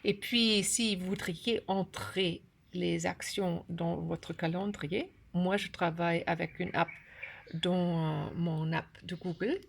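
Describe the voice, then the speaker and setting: Female tutorial presenter, native German, German accent, broken hesitant French, fry in the voice, explaining step by step. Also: on the low side, steady tone, slight background noise. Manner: broken, halting French with grammar slips and word searching. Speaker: course creator and app instructor. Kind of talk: unscripted tutorial walkthrough.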